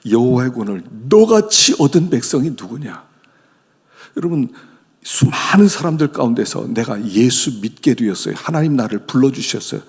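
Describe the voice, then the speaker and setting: A middle-aged male pastor delivers a sermon in a gravelly, husky voice. His pitch swings widely as he moves from loud exclamations to near-whispers. The sound carries the long reverb of a church hall. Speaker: senior pastor. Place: church sanctuary.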